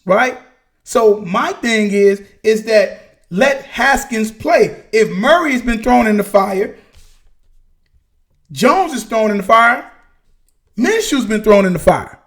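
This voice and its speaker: A man hosting a casual sports talk show, ranting in an animated way, repeating himself and using folksy slang. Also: sits high, slow, long pauses. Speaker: podcast host.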